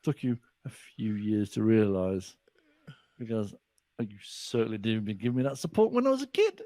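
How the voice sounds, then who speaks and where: A man's voice: on the low side, moderate pace. A man in his forties, a guest author in a casual podcast chat, who tells stories by acting out what people said. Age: 40s. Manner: animated storyteller acting out quotes.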